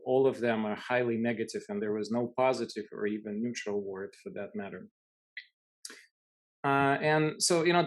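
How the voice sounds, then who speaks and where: A man's voice: medium pitch, poor audio. A middle-aged man with a Russian accent and Russian as his first language, speaking as a physician on a panel in a loose, conversational way with many fillers. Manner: conversational, frequent fillers and restarts. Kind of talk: unscripted expert talk.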